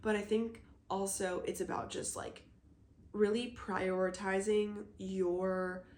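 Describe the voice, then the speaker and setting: A young woman with a hoarse, husky voice hosts her own podcast, thinking aloud in an unhurried, rambling way. Her words come slowly, and the roomy echo of the recording hangs around them. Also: mid-range voice, darkish tone. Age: young adult. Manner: reflective, rambling, many "like" fillers. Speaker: podcast host. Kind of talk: casual solo podcast chat.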